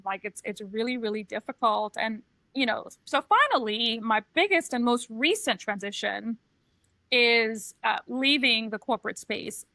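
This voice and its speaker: Bright-voiced middle-aged woman, candid. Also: on the high side, lively intonation, a little slow, dry recording. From Trinidad and Tobago. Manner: reflective, candid, personal storytelling. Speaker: podcast co-host, transition coach. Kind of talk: casual podcast chat.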